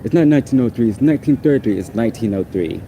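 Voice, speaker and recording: A man whose first language is Portuguese rants casually and in exasperation, rambling and repeating himself. He talks rapid-fire in an expressive, mellow, medium-pitched voice, with slight background noise.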